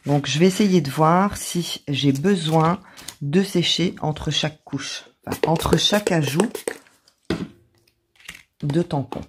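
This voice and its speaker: A woman with an accent of her own in French, calmly talking through a craft tutorial step by step as the channel's host. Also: low voice, takes it slowly, pauses often, slight background noise. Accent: non-native or regional French accent. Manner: calm step-by-step explaining.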